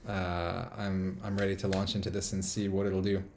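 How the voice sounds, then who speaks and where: A man's voice: low-pitched, little pitch movement, normal speed, a little mellow, a little hiss or hum. A man from the United States hosting a casual live stream from a small apartment, rambling upbeat and reading viewer comments aloud.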